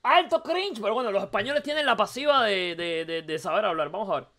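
A man with a Cuban Spanish accent, slightly hoarse, giving animated, teasing live-stream commentary on a viewer's video, repeating himself and throwing out questions. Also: high voice, quick pace. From Cuba. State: hoarse from recording the night before.

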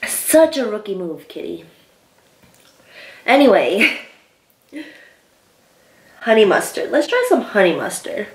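A young woman chatting casually as she eats on her video, pausing, her mouth burning from spicy food. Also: medium pitch, big pitch swings. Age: young adult. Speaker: mukbang video host. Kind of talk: casual chat while eating. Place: small room indoors. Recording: echoey room, distant camera mic.

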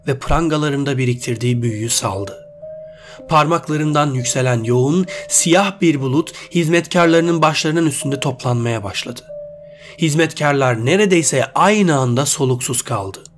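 A male storyteller reads a fantasy tale aloud at a steady, measured pace. His voice is mid-pitched, neither high nor low. Quiet music runs underneath. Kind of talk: reading a short story aloud.

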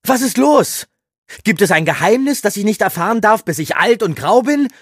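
A man voicing an impatient, headstrong young male farm boy in an audiobook, pleading and insistent in a pitched-up voice. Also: lively intonation, moderate pace, husky, no room sound, clean studio sound, exaggerated voice. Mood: agitated. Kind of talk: audiobook character reading.

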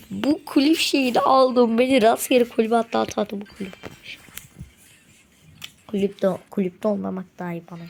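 A woman giving gameplay commentary to her viewers while opening rewards, quickly getting frustrated and excited. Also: on the high side, vocal fry. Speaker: mobile game streamer.

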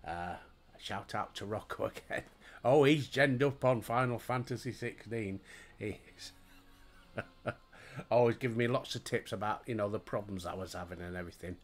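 Recorded at home on a headset mic, this older gaming streamer from Yorkshire, England, talks in a lowish voice at a moderate pace. He keeps up a relaxed running commentary, chatting to himself and his viewers as he plays.

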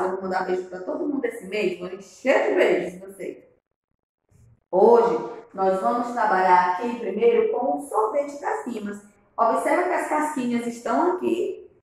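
A woman's voice: on the high side, a little mellow. A woman with a Brazilian Portuguese accent teaching a video lesson to small children in a sing-song way, recorded in a classroom on a camera a few metres away. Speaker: preschool teacher. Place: indoor classroom, standing before a whiteboard. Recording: very echoey classroom, distant mic.

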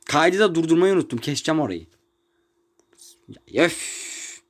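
A young man at home commentating his mobile football match, ranting in exasperation and swinging between shouts and mutters. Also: a little high, sing-song, normal speed. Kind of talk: live gameplay commentary. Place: room at home.

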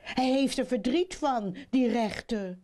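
A woman's voice: fairly high pitch, slow, darkish tone, voice pushed up. A woman voicing a timid, remorseful old male thief in a storybook, meek and tearful.

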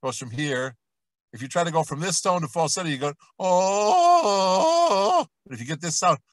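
A man voice coach leading a vocal warm-up lesson, explaining each exercise and then demonstrating it with sung vowels and scales. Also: a little high, quick pace, no echo, rough recording.

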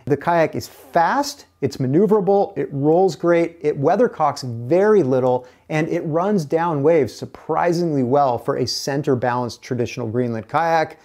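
A man's voice: fairly high pitch, a little mellow. A middle-aged man hosting his own channel, giving an earnest scripted update to camera with a lapel mic in an indoor workshop. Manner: earnest, gestures with both hands while explaining. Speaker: kayak builder and channel host. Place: indoor workshop with a canoe and curtain.

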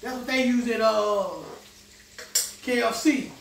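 A man's voice: very high-pitched, fairly even intonation, takes it slowly, creaky, a bit bright, a little hiss or hum. A middle-aged man hosting a home cooking vlog, talking casually to himself and viewers as he cooks in his kitchen. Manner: easygoing, talks to himself while cooking. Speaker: home cooking show host. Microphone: fixed camera across the kitchen. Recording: echoey kitchen from far off. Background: frying and sizzling food.

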